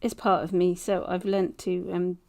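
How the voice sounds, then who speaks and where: A woman's voice: lowish voice, flat delivery, normal speed, creaky, darkish tone. A woman livestreamer chatting casually and hesitantly while she paints, rambling self-consciously and often breaking into a nervous giggle.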